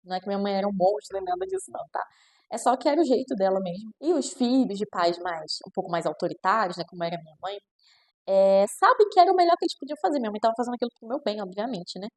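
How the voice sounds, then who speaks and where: A child nutritionist with a Brazilian Portuguese accent chats reflectively to camera, her medium-pitched voice animated and quick. Frequent "né?" tags pepper her talk, and she performs quoted parents with shifting voices.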